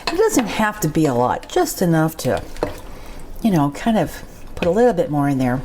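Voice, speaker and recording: Lower-voiced woman casually narrating while cooking. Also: big pitch swings, normal speed, background noise. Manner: conversational, repeats phrases for emphasis. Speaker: home cook and show host.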